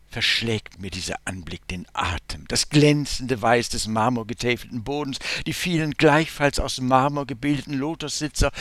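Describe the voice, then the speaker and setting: A man giving an expressive literary reading of a first-person letter, swelling in loudness on emphatic phrases. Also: on the low side, dry recording. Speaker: reader.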